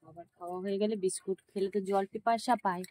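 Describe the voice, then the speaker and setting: A woman films a casual home vlog outdoors behind her house on a handheld phone. She chats to the animals and to her viewers, scolding them gently, and often keeps her voice low so the neighbours won't complain. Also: steady tone, fast, slight background noise. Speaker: vlogger feeding monkeys.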